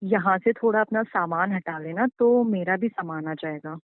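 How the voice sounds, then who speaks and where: A woman's voice: fairly low pitch, normal speed, dry recording. A woman playing a man's ex in a scripted couple drama, coolly insisting that she will move in. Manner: cool, pushy, matter-of-fact. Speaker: husband's ex in a staged call drama. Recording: tinny phone-line sound.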